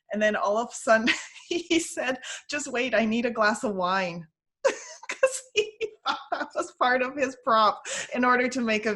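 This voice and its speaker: A woman co-hosting a casual chat show, talking at an average pitch. She is chatty and friendly, quick to laugh, and speaks as if to a close friend. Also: a bit bright. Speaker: co-host.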